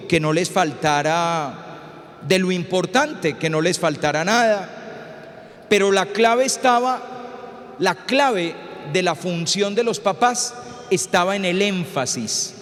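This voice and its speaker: High-voiced, slow-talking priest. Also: male voice, a bit bright. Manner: storytelling, acts out scenes, rhetorical questions. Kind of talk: humorous public lecture. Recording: reverberant lecture hall.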